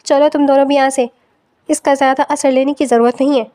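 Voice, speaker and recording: A woman's voice: high-pitched, little pitch movement, natural voice. A scolding stern aunt, read by a woman. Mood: dismissive. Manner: scolding, sharp questions. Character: stern, angry middle-aged aunt.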